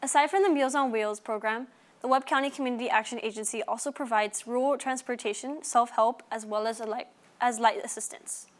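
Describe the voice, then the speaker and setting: A woman's voice: fairly high pitch, a little fast. A young woman delivering a scripted news report as a student reporter, stumbling now and then over the copy. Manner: stumbles and repeats words while reading.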